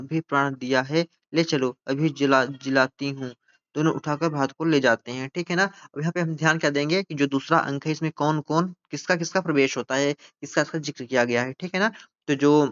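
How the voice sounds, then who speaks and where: A man's voice: fairly high pitch, a bit bright, highs cut off. A male Hindi teacher explaining a play, often asking his own questions and answering them. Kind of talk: literature lesson explaining a play.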